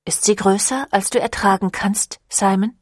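A woman voicing a seductive, ancient female vampire clan leader in an audiobook, with a silky, teasing manner that drops into breathy whispers. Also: mid-range voice, steady tone, normal speed, dry recording, clean studio sound, natural voice. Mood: coaxing. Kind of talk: audiobook reading.

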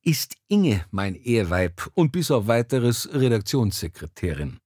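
A man's voice: medium pitch, very animated, a little slow, a little mellow, slightly rough, dry recording, studio quality. A man reading aloud, voicing a jovial, persuasive male magazine editor who talks in a hearty, breezy way.

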